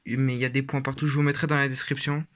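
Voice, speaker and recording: A teenage boy talks in a loose, casual way, stopping often on fillers and restarting his sentences. His pitch sits in an ordinary middle range for a young male voice. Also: flat delivery, fast talker, fairly bright tone. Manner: rambling, hesitant with many fillers. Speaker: vlogger. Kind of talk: casual shelf tour.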